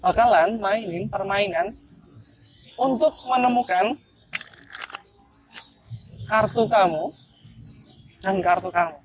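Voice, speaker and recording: A man's voice: sits high, slow pace, pauses often, background noise. Playful young man doing street magic. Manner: playful, teasing, chatty with strangers. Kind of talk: casual street performance patter. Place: outdoors in a city park.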